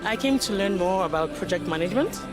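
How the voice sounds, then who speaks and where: Guy at a conference, higher voice, kinda hesitant, loud music over him. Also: animated, quick pace. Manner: hesitant, with fillers. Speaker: conference attendee. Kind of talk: interview clip.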